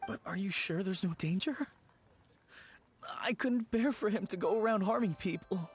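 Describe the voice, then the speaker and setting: A man voicing an anxious young man haunted by a lost childhood friend, speaking in a halting, worried, soft-spoken way, in game audio. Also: high-pitched, lightly acted. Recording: game audio with background music.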